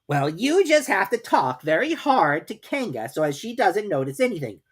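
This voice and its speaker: A woman voicing a brisk, scheming male rabbit in a storybook, bossy and insistent in manner. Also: mid-range voice, big pitch swings, husky, voice pushed up. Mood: brisk, instructing.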